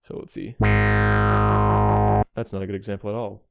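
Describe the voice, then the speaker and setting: Gravelly and fairly low, this man's voice stays level at a normal pace as he demonstrates a synthesizer for a friend. He wanders from point to point, enthusiastic but apologetic about his amateur playing, with synth music behind him and occasional mic overload.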